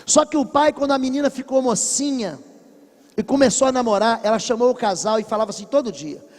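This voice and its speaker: A man with a Brazilian Portuguese accent preaching a sermon as pastor, telling stories with emphasis, dropping low and then rising loud. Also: a little fast. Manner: emphatic storytelling preacher, swinging between hushed and loud. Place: church. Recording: long church reverb.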